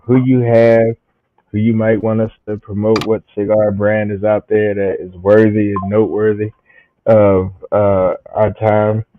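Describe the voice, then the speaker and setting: A male host talks in an easygoing, meandering way, leaning on fillers and friendly asides. His voice sits in a middle pitch. The recording is dry and close, with a slightly muffled top end. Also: no room sound. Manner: relaxed, rambling, many fillers and "man". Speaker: podcast host. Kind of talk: casual chat. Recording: dry, slightly dull sound.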